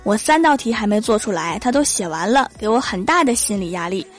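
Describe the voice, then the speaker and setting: A woman's voice: medium pitch, lively intonation, a little fast, faint music behind. A young woman, telling funny stories in a punchy, joking way as a comedy host. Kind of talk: comedic storytelling monologue.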